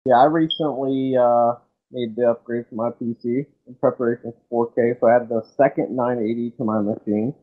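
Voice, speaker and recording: A man's voice: medium pitch, a little fast, a little hiss or hum. A man on a remote call whose voice sounds muffled, as if heard through a wall, chatting eagerly as a podcast co-host. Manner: eager, excitable. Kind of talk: casual tech chat. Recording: muffled tinny call line.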